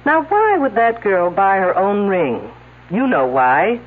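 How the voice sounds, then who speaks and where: The confident, wisecracking female detective of this vintage radio mystery needles everyone with sardonic remarks, speaking at a slow pace. Her lively delivery rises and falls in pitch, heard through thin, tinny old-radio sound.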